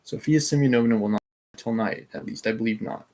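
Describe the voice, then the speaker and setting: A man's voice: lowish voice, brisk, darkish tone, natural voice. A man reading the lines of a suave, scheming older nobleman who pleads insistently, in his own everyday voice.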